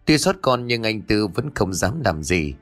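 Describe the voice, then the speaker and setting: A man narrating an audiobook ghost story in a steady storytelling delivery, recorded as a voice-over. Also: fairly low pitch, a little slow. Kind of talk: scripted narration. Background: faint background music.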